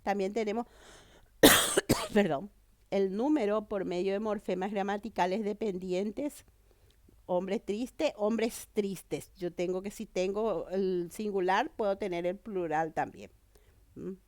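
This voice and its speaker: In a dry recording, a woman teacher with a cold speaks slowly in a mid-range voice. Her lesson on grammar is explanatory, and she keeps asking "¿verdad?" and "¿mm?" to confirm students are following.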